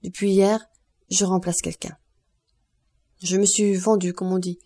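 Woman reading young man, earnest, devoted son, persuasive, mellow voice, audiobook. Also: medium pitch, flat delivery, unhurried, natural voice. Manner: earnest, persuasive, forced cheer.

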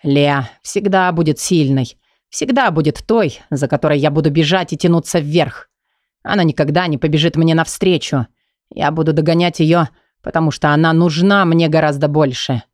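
A man narrating a dark romance audiobook in the first person, in a brooding, intense and intimate way. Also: fairly high pitch, normal speed, no room sound, clean studio sound. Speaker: audiobook reader.

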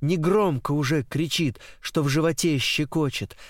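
A man's voice: fairly high pitch, moderate pace, dry recording. Man reading a literary audiobook, dry close voice. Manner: steady, rhythmic, repetitive phrasing. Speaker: audiobook reader.

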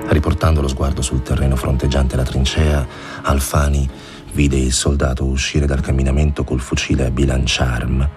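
A man reads a literary story aloud in a measured, deliberate way. His voice is extremely deep, and soft music plays faintly beneath the narration. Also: flat delivery.

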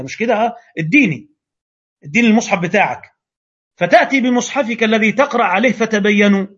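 High, husky, fast-talking Egyptian man teaching. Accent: Egyptian Arabic. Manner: argues through imagined dialogue and rhetorical questions. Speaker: Quran recitation teacher. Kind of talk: online lecture. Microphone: video call microphone. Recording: dull lo-fi online audio.

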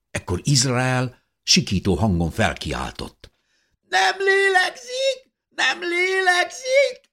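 A man's voice: a bass voice, breathy edge. A man narrating a novel in the first person, telling the story expressively as an audiobook reader.

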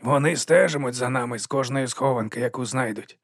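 A man voicing an ancient, wily monk sweeper who teases and chides in a raised, lively voice. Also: mid-range voice, fairly quick, no room sound, studio quality, close to an everyday voice. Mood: sly teasing. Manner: teasing, chiding, lively.

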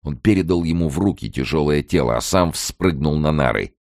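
Very deep-voiced male audiobook narrator. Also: lively intonation, fairly quick, creaky, a little mellow, no echo, clean studio sound. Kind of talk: dramatic novel reading.

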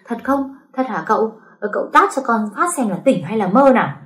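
A jumpy young manservant, whiny and excited, pitched high, put on by a woman storyteller. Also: a little fast. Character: excitable young male servant.

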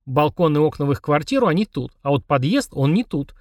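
Expressive male audiobook narrator. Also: a little high, a little fast, no room sound, clean studio sound. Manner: expressive, wry storytelling. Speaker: audiobook reader. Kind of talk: scripted narration of a children's fantasy book.

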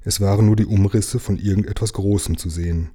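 A man reading a children's book aloud in a gentle, unhurried storytelling manner. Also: fairly low pitch, fairly even intonation, slightly rough.

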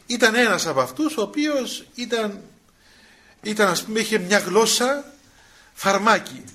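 An older Cypriot priest with a high voice talks in a homely, storytelling way. His Cypriot Greek accent colours every phrase, and he slips into colloquial asides with small chuckles. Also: animated, bright, forceful tone. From Cyprus. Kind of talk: spiritual talk with personal story.

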